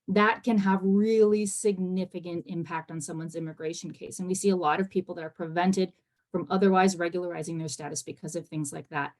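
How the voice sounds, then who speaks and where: A woman immigration lawyer answering on a panel discussion over a video call, speaking quickly and earnestly with many fillers and restarts. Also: fairly low pitch, fairly even intonation, darkish tone. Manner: fast-talking, earnest, with frequent fillers and restarts.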